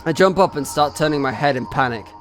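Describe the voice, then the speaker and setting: A man reading a visual novel aloud in first person, slow and expressive, rising into anxious cries. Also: a little high, faint music behind.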